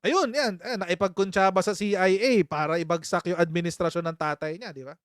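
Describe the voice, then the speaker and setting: A man's voice: sits high, steady tone, quick pace, clean tone, no room sound, studio quality. A man hosting a casual political commentary live stream, chatty and sarcastic, often breaking into laughter and mocking his critics. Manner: sarcastic, mock-impersonates critics.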